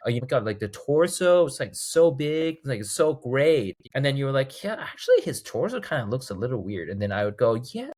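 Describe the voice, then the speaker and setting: A man's voice: fairly quick, few pauses. A man in his thirties from Thailand, a guest chatting casually in an interview and acting out examples as he talks. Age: 30s. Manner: animated storyteller, acts out quoted lines in a higher voice. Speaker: guest, video game composer.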